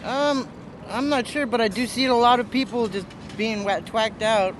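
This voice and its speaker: A man in his twenties from Russia answers questions on a city street. His voice sits high, and he hesitates often, restarting his sentences. Heavy street noise runs underneath him. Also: fairly even intonation, moderate pace. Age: 20s. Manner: hesitant, lots of uhs and restarts. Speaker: passerby. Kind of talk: casual street interview. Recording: loud street and traffic noise.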